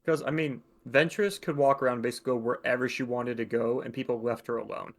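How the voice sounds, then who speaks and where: A man's voice: medium pitch, steady tone, fast. A man co-hosting a casual reaction chat, talking in a laid-back, offhand way. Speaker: reaction show co-host.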